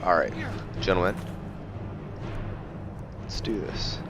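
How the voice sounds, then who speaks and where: A gaming video host does casual let's play commentary, thinking aloud to his viewers and slipping into roleplay. His voice is low-pitched and slow, with background noise.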